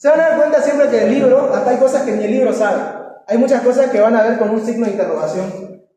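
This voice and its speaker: Man, teacher, high voice, quizzing students, booming echo, distant mic, faint noise. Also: quick pace, mellow. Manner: quizzes students, tags lines with "¿no?". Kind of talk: classroom review lecture. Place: classroom. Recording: echoey hall, voice from far off, faint noise.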